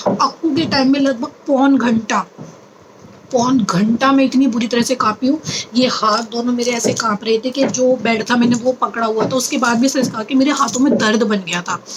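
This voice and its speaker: Chatty young woman vlogger, slightly high voice. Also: noisy background. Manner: chatty, earnest, mixes English words in. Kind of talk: casual storytelling to camera.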